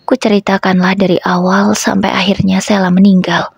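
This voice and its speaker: A woman narrating a sorrowful first-person family story in a slow, reflective way. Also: mid-range voice, little pitch movement, vocal fry, slightly rough, no echo.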